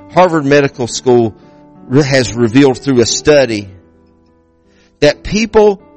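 A man preaching a sermon as pastor in a church, building emphasis with repeated phrases. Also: mid-range voice. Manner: preaching with rising emphasis and repetitions.

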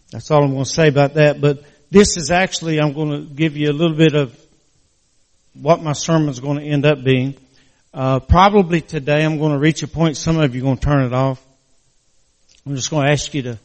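Older male preacher, West Virginia native, voice a touch high, mildly slurred from a stiff mouth, sincere and halting. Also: steady tone, a little mellow, big-room sound. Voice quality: slightly slurred crooked-mouth articulation after mouth surgery. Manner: earnest, halting, folksy. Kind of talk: church sermon.

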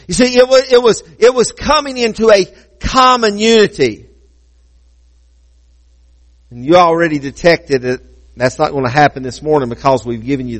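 A man preaching a communion sermon, emphatic, slowing down to repeat key phrases and adding playful asides to the congregation. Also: on the high side, a bit bright, in a large hall, low-quality recording. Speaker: pastor.

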